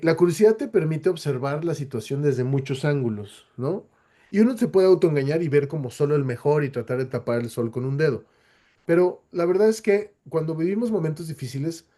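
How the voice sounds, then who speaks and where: Male webinar guest over a video call, a fairly high but mellow voice, talks things through with lots of rhetorical asides. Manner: explanatory, with frequent rhetorical questions and fillers. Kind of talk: answering audience questions in a webinar.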